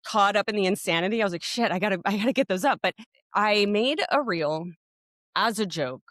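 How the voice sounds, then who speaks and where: A woman's voice: mid-range voice, animated, fairly quick, a bit bright, dry recording, clean studio sound. A woman, co-hosting a podcast, telling a story in a rambling way full of restarts and fillers. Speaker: podcast co-host. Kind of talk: casual podcast chat.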